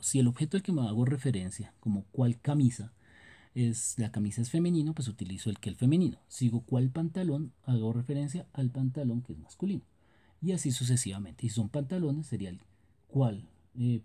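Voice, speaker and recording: Dark husky man teaching French grammar. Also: medium pitch. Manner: explains in Spanish, reads French examples slowly. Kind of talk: scripted grammar lesson narration.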